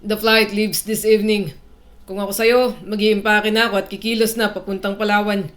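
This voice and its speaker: A woman's voice: mid-range voice, flat delivery, natural voice. Woman voicing a cold, stern rich father. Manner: cold, measured, slow. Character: stern cold wealthy father, older man.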